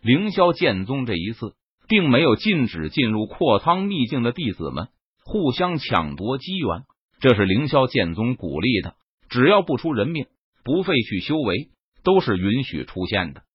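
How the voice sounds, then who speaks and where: Male narrator as an unflappable young swordsman, lively pitch, dull sound. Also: moderate pace, husky. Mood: cool. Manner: cool and composed, a bit mocking. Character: calm, unflappable young male cultivator hero.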